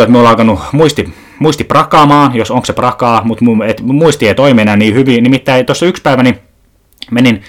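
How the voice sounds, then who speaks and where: A man's voice: medium pitch, fairly bright tone. A young man hosting a solo podcast, rambling through jokey, self-mocking stories and swearing casually. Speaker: podcast host.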